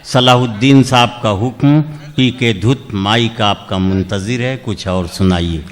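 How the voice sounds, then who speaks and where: A man's voice: on the low side, a little slow. A man acting as compère of a poetry gathering, praising the poets in a formal way. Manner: formal, praising, Urdu-flavored phrasing. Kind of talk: stage announcing. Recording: echoey hall with crowd and faint noise.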